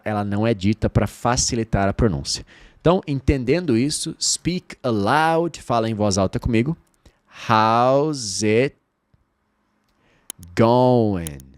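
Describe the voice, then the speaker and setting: Lively Brazilian man teaching English. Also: on the low side, no echo. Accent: Brazilian Portuguese. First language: Portuguese. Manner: lively, drills phrases slowly and repeats them. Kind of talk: online language lesson.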